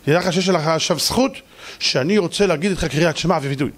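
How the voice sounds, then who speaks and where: A man, a rabbi, giving a lively sermon with stories and jokes, now and then rising almost to a shout. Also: a little high. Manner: animated, rises to near-shouting on key points.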